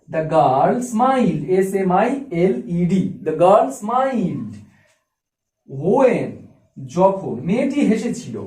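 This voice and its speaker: Male grammar teacher, high lively voice, patient and repetitive delivery, echoey room. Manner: explains slowly, repeating and spelling out words. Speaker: English teacher. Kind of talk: classroom grammar lesson.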